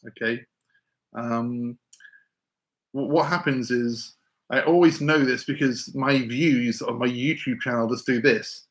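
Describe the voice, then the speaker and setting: A man's voice: mid-range voice, fairly even intonation, slow pace. A man answering viewers' exam questions on a live stream, rambling with many stammered restarts and reading chat messages aloud. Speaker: physics teacher hosting a live Q&A.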